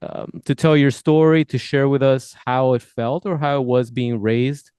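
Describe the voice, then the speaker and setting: Male podcast host, smooth voice, dry close sound, rambling friendly questions. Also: medium pitch, steady tone, moderate pace, a little mellow, dry recording. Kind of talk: casual interview hosting.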